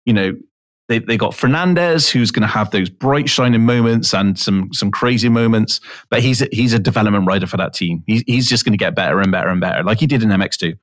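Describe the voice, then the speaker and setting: A man co-hosting a podcast, chatting casually with quick, easygoing reactions. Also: lowish voice. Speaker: podcast co-host. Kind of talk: casual chat.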